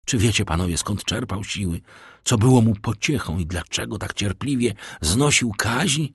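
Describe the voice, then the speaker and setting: A cold, sardonic count who lectures slowly and scornfully in a low, husky voice, as a male narrator reads him. The recording is dry and close. His lines carry a lively, sweeping pitch. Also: no room sound, full character voice. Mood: coldly scornful. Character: cold, sardonic aristocratic count, middle-aged man.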